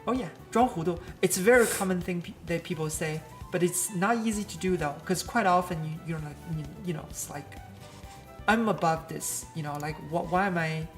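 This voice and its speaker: A woman streamer chatting casually in a slightly low voice. She talks loosely, restarts often and slips in dry jokes. Soft music plays quietly behind her. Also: a little fast, hardly any pauses. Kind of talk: casual chat.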